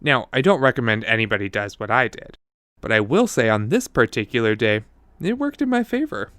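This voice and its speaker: A man narrating a true-crime story as host in a lively, conversational storytelling manner. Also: brisk, clean tone, no echo. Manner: lively conversational storytelling with wide pitch swings.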